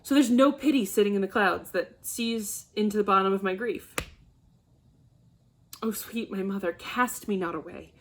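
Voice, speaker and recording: A woman reading a pleading teenage daughter in a soft voice. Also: mid-range voice, normal speed.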